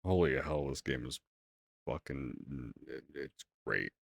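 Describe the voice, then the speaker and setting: A man's voice: very deep voice, animated, takes it slowly, vocal fry, slightly rough, no room sound, studio quality. A man co-hosting a podcast in loose, casual chat, swearing freely and rambling. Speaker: podcast co-host.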